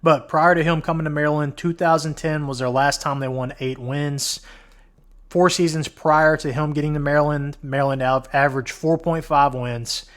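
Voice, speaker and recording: A man hosting a college football countdown, talking casually and starting each point with "all right", while he is losing his voice. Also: a little high. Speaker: host.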